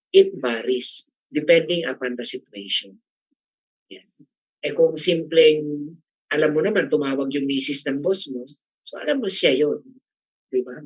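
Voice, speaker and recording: A man's voice: on the high side, lively intonation, measured pace, pauses often, no room sound, rough recording. A middle-aged man leading a casual class discussion, chatty and teasing, often asking the group questions. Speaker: class facilitator.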